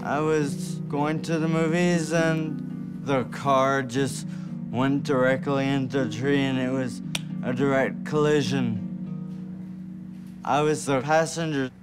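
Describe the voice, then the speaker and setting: A man giving slow, deliberate documentary testimony. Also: medium pitch, fairly even intonation. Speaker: interviewee. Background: guitar music.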